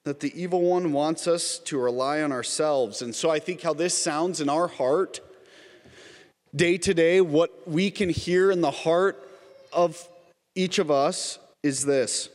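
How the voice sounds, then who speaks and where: A man's voice: on the high side, unhurried, darkish tone. A man preaching an earnest Lent sermon, calling his listeners "everyone" again and again. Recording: long reverb, as in a church.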